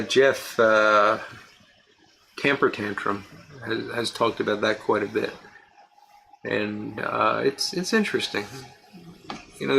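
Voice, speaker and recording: A man hosts a livestream in a mid-range voice with vocal fry and a fairly bright tone, heard through a low-quality recording. He chats casually, reads viewer comments and answers people by name, laughing easily as he goes.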